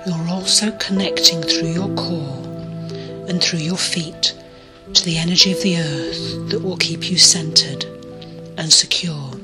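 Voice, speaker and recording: A woman guides a relaxation meditation, her voice soft and unhurried and often sinking to a breathy half-whisper. She speaks at a very slow, gentle pace in a fairly low register. Calm music plays clearly underneath her. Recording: clear music bed behind the voice.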